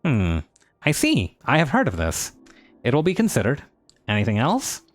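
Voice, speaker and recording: A man's voice: medium pitch, wildly swooping pitch, moderate pace, voice pushed up. A man voicing a boastful, nerdy male bird-creature bookbinder in a game, pompous and curt.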